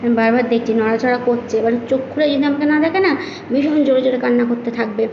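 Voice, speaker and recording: This young mother, worn out from lack of sleep, speaks rapid-fire in a slightly high, creaky voice. She rambles casually to viewers in a home vlog recorded on her phone camera in a room at home, with background noise and a muffled, echoey sound.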